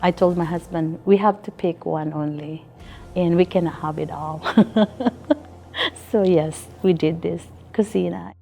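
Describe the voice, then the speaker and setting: A woman's voice: lowish voice, fairly even intonation, measured pace, creaky, dark tone, faint music behind. A middle-aged woman from the Philippines with a Filipino accent, talking earnestly in a casual interview and laughing often. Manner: earnest, laughs often, nonstandard English grammar. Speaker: restaurant owner and chef.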